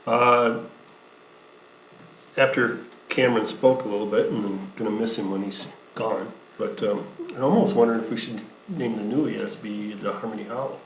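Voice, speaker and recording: A man shares remarks at a board meeting, pausing often and filling gaps with uh and um. He sounds sincere and a little choked up at moments. The room is echoey with a faint hum. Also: fairly low pitch. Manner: halting, many fillers, emotional at times. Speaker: school board member.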